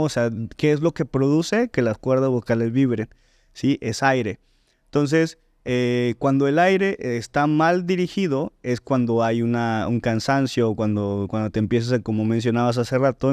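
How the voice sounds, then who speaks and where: A man's voice: mid-range voice, steady tone, moderate pace, darkish tone, smooth, no echo, clean studio sound. A man, a voice teacher and singer explaining technique in a podcast interview, often checking in with "¿no?" and "¿sí?". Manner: didactic, frequent "¿no?" and "¿sí?" check-ins.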